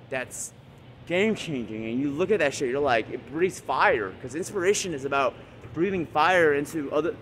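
A man's voice: on the high side, a bit bright. Man, hyped motivational vlogger, boastful and profane, faint street noise behind him. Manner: boastful, hyped, swears freely. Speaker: vlogger giving motivational advice. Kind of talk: casual motivational monologue.

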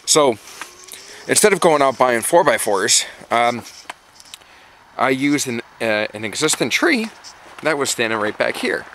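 His medium-pitched voice swings widely in pitch, runs a little slow with frequent pauses, and sounds a bit bright. A backyard chicken keeper and vlogger, he chats informally over background noise while giving how-to tips in a yard and small wooden coop. The noisy audio is from a handheld camera with someone operating it from behind.

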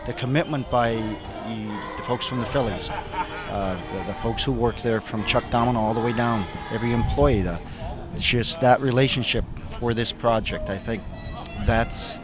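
A man's voice: mid-range voice, normal speed, over music. Earnest middle-aged man interviewed outdoors. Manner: earnest, repeats words while searching. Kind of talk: casual interview answers. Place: outdoor ballpark. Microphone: handheld reporter mic.

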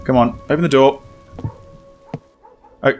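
A man's voice: medium pitch, a little slow, soft background music. A man giving casual, wry and bemused gameplay commentary. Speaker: game streamer.

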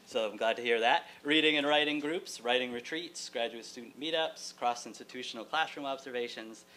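A middle-aged man, a college writing teacher, delivers a prepared keynote at a lecture hall podium, articulate and dryly funny with asides. He speaks briskly in a mid-range voice with a sharp tone. Hum and room noise fill the recording from a distant camera.

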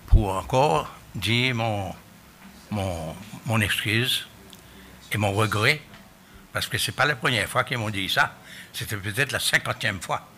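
A man giving halting testimony at a public hearing, often restarting as he searches for words. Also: lowish voice, bright, forceful tone. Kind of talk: spoken testimony. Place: hearing room.

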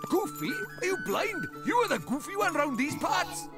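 An actor voicing a cheeky, bossy little male fairy in an animated fantasy game, brash and scolding. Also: extremely high pitch, normal speed, music in the background.

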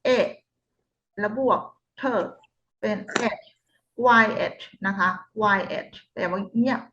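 Slow patient Thai woman tutoring phonics. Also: medium pitch, slight background noise. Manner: slow, patient, sounding out words. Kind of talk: phonics lesson. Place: home tutoring room. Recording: dull lo-fi recording.

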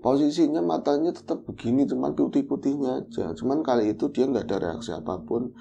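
A man telling a horror story in casual chat, animated and acting out the voices of the people in it. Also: mid-range voice, a little fast, gravelly, dull audio, noisy background. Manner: animated, acts out quoted voices. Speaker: guest storyteller.

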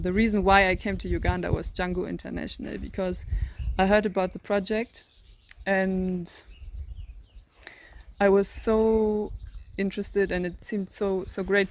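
An eighteen-year-old woman from northern Germany with a German accent, speaking English as a second language, answering interview questions thoughtfully with many pauses and restarts, recorded outdoors in a garden. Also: medium pitch. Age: teens. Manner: thoughtful, searching for words, many ums and restarts. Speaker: interview guest, volunteer. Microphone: handheld phone held by interviewer.

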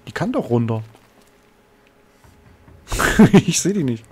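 A man's voice: a little high, big pitch swings, slow, a little mellow, husky. A man commenting on his gameplay, exasperated and swearing, talking to his viewers. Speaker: let's play host.

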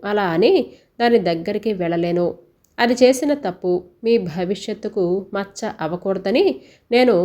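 A woman's voice: medium pitch, darkish tone, close to an everyday voice. A woman voicing a grieving middle-aged mother who is stern on the outside but tender, speaking with sorrowful emotion. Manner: sorrowful, pleading emotional speech.

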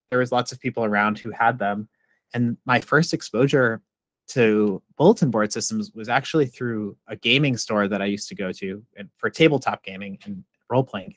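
A man's voice: mid-range voice, dry recording. A man in his thirties from Massachusetts, a professor speaking as a guest in a thoughtful, conversational way with many "like" fillers, over a video call. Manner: thoughtful, frequent "like" fillers, expressive hand gestures. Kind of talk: conversational interview answer. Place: home office. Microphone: video call with earbuds.

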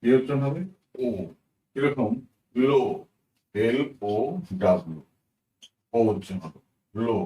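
A man with a low, mellow voice teaches pronunciation, spelling each word out slowly and repeating it. He sounds set back from the mic in a roomy, echoing space. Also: lively intonation, far from the mic. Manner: repeats words slowly, asks "right?" often. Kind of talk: explaining a lesson, spelling out words.

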